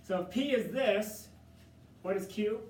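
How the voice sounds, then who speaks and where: Male tutor, high-pitched, coaxing students along, recorded far off in a roomy classroom. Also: measured pace, darkish tone, slight background noise. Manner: joking, coaxing students through steps. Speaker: math tutor. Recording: echoey room from far off.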